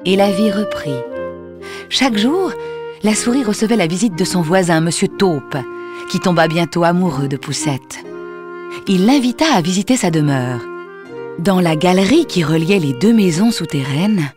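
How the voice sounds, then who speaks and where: A woman narrating a children's storybook in a gentle, expressive reading. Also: fairly low pitch, normal speed. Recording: music under the voice. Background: soft music.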